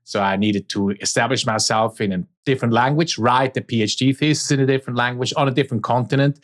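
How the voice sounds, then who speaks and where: A middle-aged Swiss man, a native Swiss German speaker with a Swiss German accent, answers conversationally as an interview guest in a mid-range voice.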